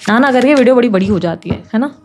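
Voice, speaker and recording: A woman reading tarot in a casual chat to her viewers, talking fast, teasing and scolding them like a big sister. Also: fairly high pitch, expressive. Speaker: tarot reader.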